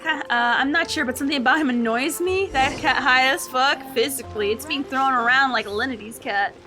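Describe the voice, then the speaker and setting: With a high-pitched, fairly quick voice, a woman delivers casual, playful commentary on a live game stream, often repeating her phrases. Game music plays in the background.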